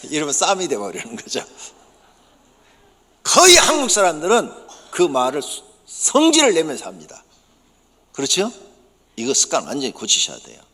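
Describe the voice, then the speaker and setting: Korean pastor preaching in a reverberant sanctuary. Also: male voice, huge pitch swings, normal speed, pauses often, slightly rough. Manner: emphatic preaching, swings from soft low asides to sudden loud bursts. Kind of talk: sermon. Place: church sanctuary. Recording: church sanctuary with long reverb.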